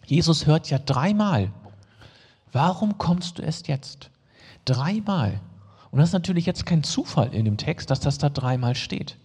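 A man's voice: on the high side, expressive, unhurried, darkish tone, slightly rough, long reverb tail. A man preaching a sermon, reading scripture aloud and breaking off to explain it in casual, plain words to his congregation. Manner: reads the text, then adds casual plain-spoken asides to the congregation.

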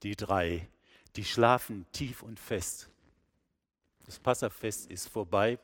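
Slow, reflective male preacher. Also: lowish voice, husky. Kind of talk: meditative sermon narration.

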